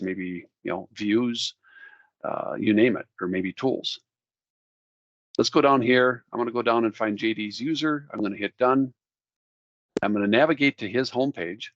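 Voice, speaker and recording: A man with a Minnesota accent giving a casual software demo, talking through each step in a friendly way. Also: fairly low pitch, no room sound, dull audio. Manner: friendly, walks through steps out loud. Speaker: product demo presenter.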